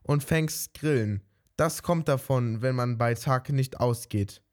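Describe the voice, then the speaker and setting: A man's voice: mid-range voice, slow pace, close to an everyday voice. A man voicing a sly, greedy female cat who coaxes and sweet-talks in a fairy-tale reading. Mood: mocking. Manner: coaxing, sweet-talking.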